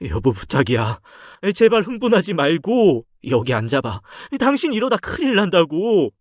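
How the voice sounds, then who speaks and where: A woman voicing a grieving middle-aged husband who pleads in a low, urgent voice in a dramatized story reading. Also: sing-song, moderate pace, a little mellow, no room sound, studio quality. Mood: pleading.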